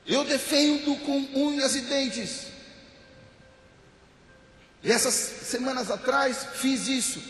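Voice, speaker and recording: Brazilian guy preacher, really high voice, emphatic and repetitive, sounds like he's in an echoey bathroom. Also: slow pace, long pauses, fairly bright tone. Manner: emphatic, repetitive oratory with short declarative phrases. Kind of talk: church sermon. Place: church hall, amplified to a congregation. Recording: echoing bathroom-like sound, long hall reverb.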